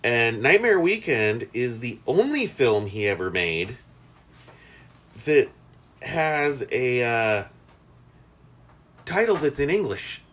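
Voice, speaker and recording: A man co-hosts a podcast in easy, casual chat. His pitch swings up and down a lot, and he rambles through fillers, restarts and asides. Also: big pitch swings, slow, long pauses, a bit bright. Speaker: podcast co-host.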